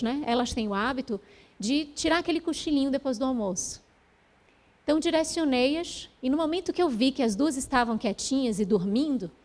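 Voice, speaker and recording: A middle-aged woman giving a spiritual talk, telling a personal story gently and from the heart, with pauses. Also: high voice. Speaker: spiritual speaker.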